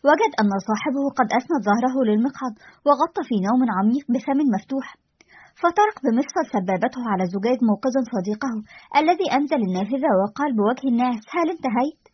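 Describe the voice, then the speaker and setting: Fast-talking husky woman storyteller. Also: high voice, lively intonation. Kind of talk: scripted story narration. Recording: dull lo-fi recording.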